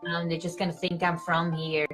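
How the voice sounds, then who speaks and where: A young Swiss actress with a Swiss accent chats casually as a guest on an interview show, animated and full of "like" and "you know." Her pitch is fairly low and her pace brisk, with music playing in the background.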